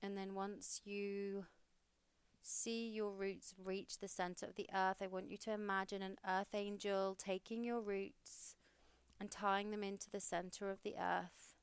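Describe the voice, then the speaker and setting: A young woman hosting a podcast, leading a guided meditation in a slow, soothing, steady way. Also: mid-range voice, clean tone, no echo.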